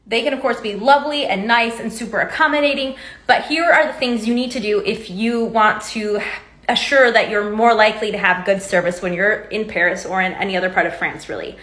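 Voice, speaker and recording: A woman's voice: mid-range voice, fairly quick, fairly bright tone, roomy sound. A young woman casually explaining to camera, chatty and candid with a lightly sarcastic edge. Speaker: vlogger.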